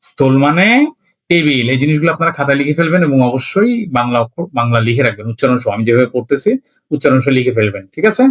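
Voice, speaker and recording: A man teaching a beginner language lesson, slowly spelling out words letter by letter and often checking in with his listeners. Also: mid-range voice. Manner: slow, repetitive spelling out letter by letter.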